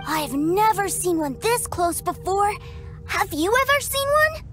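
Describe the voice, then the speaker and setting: Woman doing a little kid all hyped about toys, high bouncy voice, music behind. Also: unhurried, full character voice. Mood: eager. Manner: excited, bossy, childish. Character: eager little boy, toy-obsessed and stubborn. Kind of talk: game cutscene voice acting. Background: game music.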